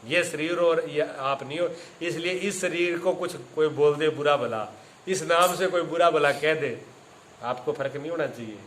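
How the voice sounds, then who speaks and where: A man's voice: on the high side, moderate pace, a bit bright, echoey room, slight background noise, poor audio. A man giving a spiritual discourse as a teacher, telling stories with acted quotes and repeating his phrases.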